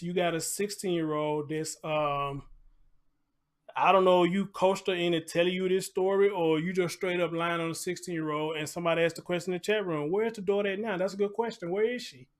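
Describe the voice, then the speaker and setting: A high, steady voice moving a little fast belongs to an American man hosting a casual live commentary show. He keeps it conversational, sprinkling in rhetorical questions, repeated phrases and preacher-like asides.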